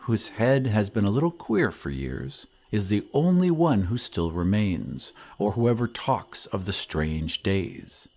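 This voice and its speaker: Voicing a grave surveyor, a man narrates an uncanny old story in an audio drama, measured and ominous, letting each phrase trail off quietly. His voice sits on the low side.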